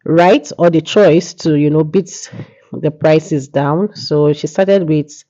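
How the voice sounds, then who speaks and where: A woman from Nigeria narrates her market vlog in a relaxed, chatty way, often saying "yeah" and "you know," her voice congested from a cold. She sounds low-pitched, slow and warm. The recording is muffled.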